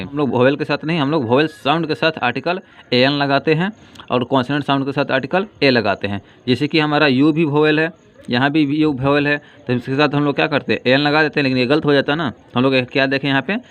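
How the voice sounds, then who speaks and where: A male grammar teacher giving a lesson, asking questions and answering them himself and repeating key terms slowly. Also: on the high side, fairly bright tone. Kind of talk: classroom-style grammar lesson. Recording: dull lo-fi sound with faint noise.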